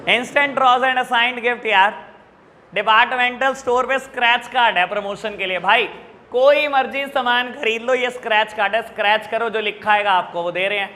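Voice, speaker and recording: An Indian male teacher lectures his class with a high, sharp, bright voice. He keeps addressing students fondly and checking they follow. The sound carries a long hall reverb. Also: moderate pace, a little hiss or hum. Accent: Indian English. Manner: addresses students as beta, frequent "theek hai na" checks. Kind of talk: classroom lecture explaining exam questions.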